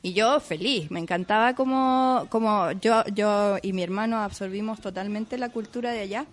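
Chilean woman guest, mid-pitched, chatty and easygoing, lots of fillers. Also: moderate pace. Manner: chatty, filler-heavy, laughs easily. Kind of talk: casual interview chat.

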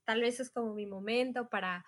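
Chatty Mexican woman with a higher voice. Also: a little fast. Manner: chatty, animated, acts out her own past quotes. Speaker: guest. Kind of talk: casual storytelling interview.

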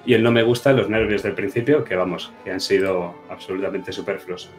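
A man's voice: sits low, fairly even intonation, fairly quick, faint music behind. A man, the game master, chatting casually and modestly after a game. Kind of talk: casual post-game chat.

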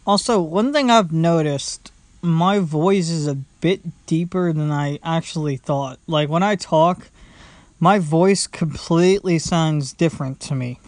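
The recording is dry, capturing a young man's slightly high voice at a slow pace. He's at home indoors, hosting his own easygoing podcast and rambling with lots of filler words, restarts and "blah, blah, blah."

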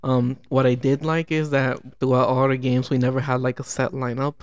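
A man in casual sports chat, talking in a calm, measured way. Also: mid-range voice, clear, resonant tone, dry recording.

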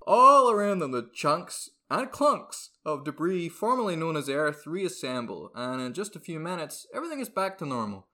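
A man's voice: fairly high pitch, sing-song, moderate pace, hardly any pauses, fairly bright tone. A man reading comedic scripted narration as stage directions, with theatrical delivery.

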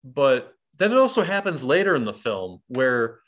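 Male podcast host, mid-pitched, excitable, profane, slips into character voices for jokes. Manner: animated, swears, mimics characters in quick asides. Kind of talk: casual movie chat.

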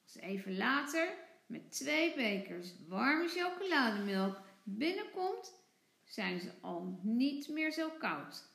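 A woman teacher reading a children's storybook aloud in an expressive, sing-song way. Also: on the high side, takes it slowly, vocal fry, echoey room.

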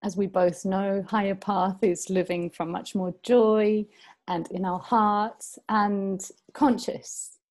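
Giggling frequently, this woman, a mindfulness instructor and awakening coach, keeps her manner soft and gentle while co-hosting a relaxed chat. She speaks slowly in a mid-range voice with fairly even intonation.

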